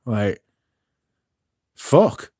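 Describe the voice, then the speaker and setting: Speaking extremely slowly in a dark tone, a tired British streamer in his 30s talks into his phone during a casual livestream. He rambles, curses freely and often starts his sentences over. The audio is close and dry, with no echo from the room.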